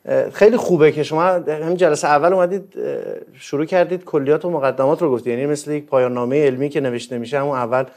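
Brief: polite host, man, a bit high-voiced, measured and courteous. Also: darkish tone. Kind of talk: religious studies discussion.

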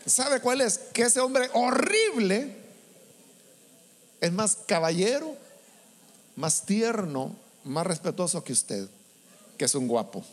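A man's voice: sits high, sing-song, takes it slowly, long pauses. A man preaching to a congregation, asking rhetorical questions and acting out the voices he quotes. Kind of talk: sermon to a congregation. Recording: long hall reverb with mains hum.

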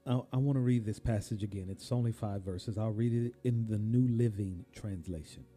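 A man, a pastor, preaching a sermon in a slow cadence that rises suddenly and drops to a hush. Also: fairly low pitch, faint music behind.

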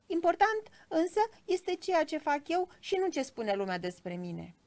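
A proud little cricket fiddler, put on by a woman reading a storybook, speaks in a high, squeaky, slightly hoarse voice. He declaims loudly and takes offense easily, his pitch leaping around with lively swings. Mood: declaiming. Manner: indignant, declaiming. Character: tiny male cricket fiddler, proud and touchy.

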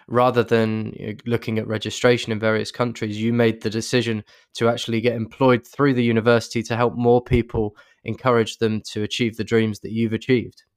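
Male interviewer, low flat voice, smooth and crisp. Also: no echo, clean studio sound. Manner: encouraging, upbeat prompts. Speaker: interview host. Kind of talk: interview questions.

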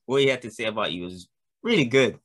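A man's voice: mid-range voice, animated, quick pace. A man co-hosting a casual podcast, teasing his guest with dry sarcasm. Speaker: podcast co-host.

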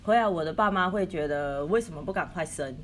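A woman in her thirties with a Taiwanese Mandarin accent, co-hosting a podcast and talking candidly in a relaxed way with frequent laughs. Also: on the low side, brisk, slight background noise. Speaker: podcast co-host. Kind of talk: casual chat.

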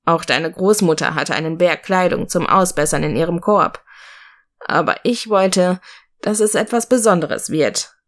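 A woman voicing a gentle father who calmly tells his child a story from his youth, in an audiobook. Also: lowish voice, measured pace, natural voice. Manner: calm storytelling tone. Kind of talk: audiobook reading.

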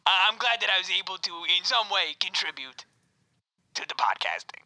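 A man putting on a whispery, creaky switchboard operator. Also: high voice, sing-song, bright, forceful tone, full character voice, poor audio. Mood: conspiratorial. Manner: halting, rambling, drops into whispers. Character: fussy male podcast-factory switchboard operator. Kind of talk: comedic improv character bit.

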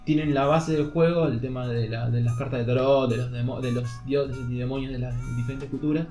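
A man's voice: mid-range voice, fairly even intonation, fairly quick, a little mellow, soft background music. A man with an Argentine accent, a podcast co-host, chatting casually and explaining a video game while hunting for words with lots of fillers. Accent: Argentine Spanish. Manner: rambling, searching for words with many fillers. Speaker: podcast co-host recommending games. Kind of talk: casual chat.

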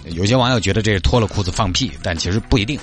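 A man's voice: on the low side, rapid-fire, faint music behind. A man with a Sichuan accent hosts a radio show, giving casual, colloquial commentary on the news and chatting directly to listeners. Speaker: radio host.

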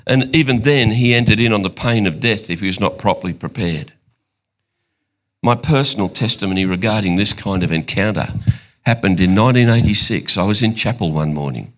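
An older man preaching a sermon, excitable, climbing to high emphatic bursts and then dropping low and intimate. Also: a little fast.

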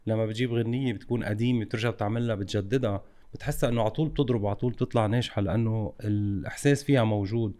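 Fast-talking man with a Lebanese Levantine accent. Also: fairly low pitch, steady tone, warm tone. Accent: Levantine Arabic, Lebanese. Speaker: interviewer. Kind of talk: casual conversational interview mixing Arabic and English.

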